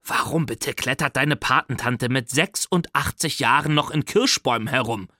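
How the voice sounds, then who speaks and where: A man's voice: mid-range voice, normal speed, sharp tone, no room sound, clean studio sound, natural voice. A man doing an exasperated, puzzled dad. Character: puzzled, grumbling father.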